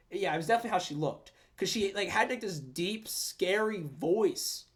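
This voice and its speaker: Young male co-host, high voice, rambling casual talker, lots of filler and swearing. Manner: rambling, full of "like" and restarts; swears freely. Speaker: podcast co-host. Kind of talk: casual chat.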